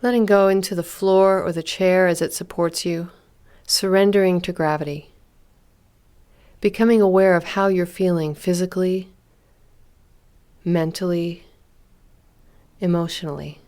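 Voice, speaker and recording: A female meditation instructor talks listeners through a body scan in a fairly low voice. She is calm and gentle, never rushing, and lets long pauses settle between her words.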